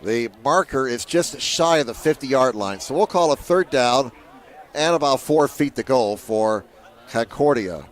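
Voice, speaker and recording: A male play-by-play commentator calls a high school football game in a steady, measured voice that rises sharply on big plays.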